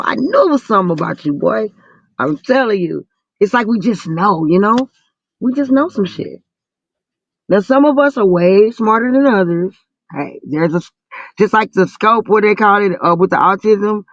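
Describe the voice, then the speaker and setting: A Southern American woman in her forties, drawl and all, chats casually in a group voice call, slangy, profane and teasing. Her fairly high voice is expressive at a moderate pace. The dry recording sounds muffled and band-limited, like a voice call.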